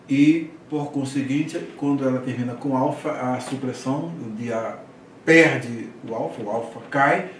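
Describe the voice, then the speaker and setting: Male teacher, mid pitch, explanatory lecture, echoey room, distant mic. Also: slight background noise. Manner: explanatory, frequent "tá?" checks, hesitant restarts. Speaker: Greek teacher. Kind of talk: classroom lecture.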